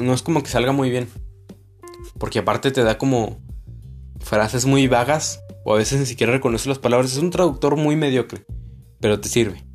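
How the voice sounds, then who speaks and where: A young man from northern Mexico with a Juárez accent, hosting a casual solo podcast in a loose, rambling, slangy way full of fillers. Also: medium pitch. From Ciudad Juárez, northern Mexico. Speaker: podcast host.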